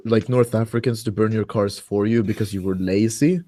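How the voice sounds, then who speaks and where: Low-voiced hesitant man on a podcast. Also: steady tone, brisk, mellow, no room sound. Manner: hesitant, drops German phrases. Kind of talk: casual podcast chat.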